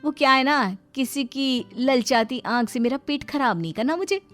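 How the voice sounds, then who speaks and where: A woman voicing a stern, sharp-tongued middle-aged mother-in-law in an animated story, scolding with cutting retorts. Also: high-pitched, normal speed, faint music behind. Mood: sarcastic.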